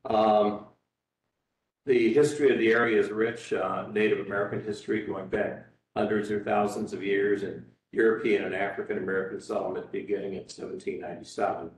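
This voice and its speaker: A lower-voiced man testifies haltingly before a board, pausing on fillers between phrases. The sound is a courtroom-style recording of a hearing room, echoey and picked up from a distant microphone. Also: slight background noise. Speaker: historical society president testifying.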